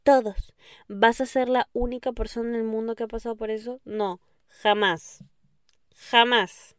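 A woman's voice: on the high side, fairly even intonation, a little slow, no room sound. Affectionate woman podcast host, dry sound. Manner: affectionate, calls listener "mi amor", keeps asking "¿ok?". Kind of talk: advice monologue.

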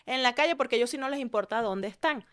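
A woman's voice: a little high, fast talker. A Venezuelan woman who is a guest on a podcast, telling parenting stories expressively. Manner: expressive storyteller who acts out quotes. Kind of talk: casual chat.

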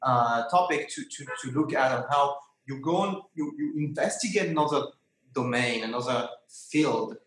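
A man hosts a conversational interview in an echoey recording. His voice is medium in pitch. He speaks haltingly and keeps rephrasing his thoughts. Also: a bit bright. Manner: halting, rephrases questions repeatedly. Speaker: interview host. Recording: echoey, roomy sound.

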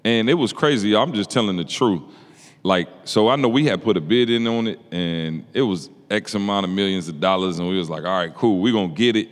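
A man co-hosting a podcast, telling a story in casual chat and acting out the quotes with lively jumps in his voice. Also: brisk. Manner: animated, acts out quotes with pitch jumps. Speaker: podcast co-host. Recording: long hall reverb.

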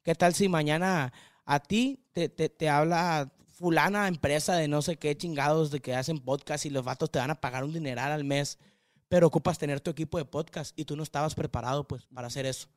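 A young man with a thick Sinaloan accent rambles energetically as a podcast guest, his voice sitting fairly high. The sound is dry and close, with no room around it. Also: no echo. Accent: northwestern Mexican, Sinaloa. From Mazatlán, Mexico. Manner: energetic, hyperactive, rapid rambling talk. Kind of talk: casual chat.

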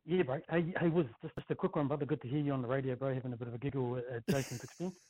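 A man's voice: mid-range voice, steady tone, very fast, dark tone, dry recording. A man chatting in a casual, matey way as a radio phone-in caller. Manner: matey, says bro often. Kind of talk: casual chat. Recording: muffled phone-in line.

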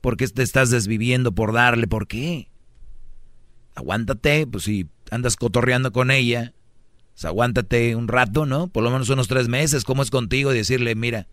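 A man's voice: mid-range voice, normal speed, a bit bright, dry recording. Mexican radio guy preaching dating advice, brash and joking, dry close mic. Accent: Mexican Spanish. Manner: brash, preachy, mimics voices for jokes. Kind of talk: comic radio monologue.

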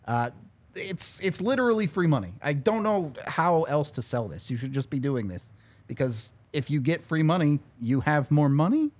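A man hosting a podcast, reading sponsor spots in a casual, ad-libbed, conversational way with a jokey sales pitch. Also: lively intonation, normal speed, darkish tone.

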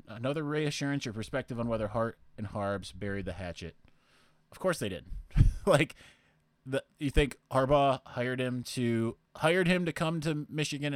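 A man's voice: mid-range voice, clear, resonant tone, dry recording. A young man hosting a podcast, casually answering listener questions in a rambling way. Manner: rambling, with fillers and restarts. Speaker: podcast host.

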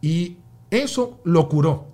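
A man, a father and podcast guest, telling a personal story in an emphatic, animated way, acting out the shouts he describes. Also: fairly high pitch, takes it slowly. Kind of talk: conversational storytelling.

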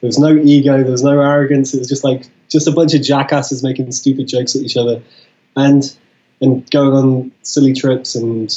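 A man telling stories in casual chat, rambling and halting, with frequent swearing. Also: mid-range voice, little pitch movement, dark tone, dull audio. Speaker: guest.

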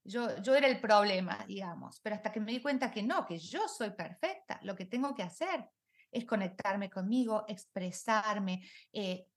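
A woman's voice: mid-range voice, expressive, moderate pace. A middle-aged woman, a life coach talking in an interview, reflective, with many rhetorical questions and English words mixed in. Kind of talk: conversational interview.

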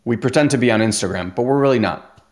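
A man's voice: medium pitch, fast, darkish tone. A man hosting a podcast in casual talk, chatty, saying "like" often and acting out little quotes. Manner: chatty, says "like" a lot, acts out quotes. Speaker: podcast host.

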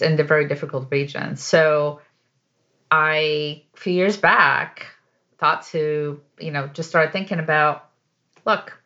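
Speaker from Poland, bright tone, thoughtful, fillers, muffled lo-fi audio. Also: mid-range voice. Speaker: guest, program leader. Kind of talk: interview answers. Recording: dull lo-fi audio.

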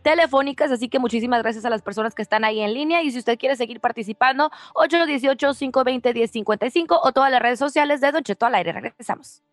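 A woman co-hosting a radio show, brisk and playful as she announces breaks and asks questions. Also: sits high. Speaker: radio co-host.

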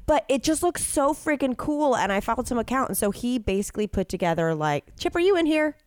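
A woman's voice: a little high, very animated, fairly quick, a little mellow, smooth, no room sound. A young woman co-hosting a podcast, joking and chatting in a playful, slangy way. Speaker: podcast co-host. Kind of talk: casual chat.

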